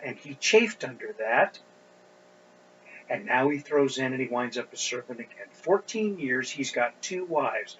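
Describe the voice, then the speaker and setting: Slow, deliberate middle-aged pastor preaching. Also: male voice, fairly high pitch. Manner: deliberate, with emphatic rising stresses. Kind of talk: expository sermon. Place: church sanctuary. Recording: dull lo-fi recording with faint hum.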